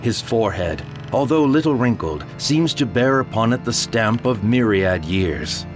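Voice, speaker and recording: A man narrates a first-person audio drama gravely and theatrically, his delivery rising at times to frantic cries. His lowish voice is expressive and measured in pace, with a music bed underneath.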